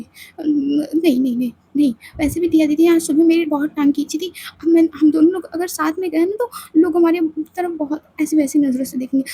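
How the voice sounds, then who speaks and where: A woman voices a flustered young wife who keeps refusing in quick, insistent bursts. Her voice sits high and the timbre is mellow. It is set in a spoken storybook romance. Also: natural voice.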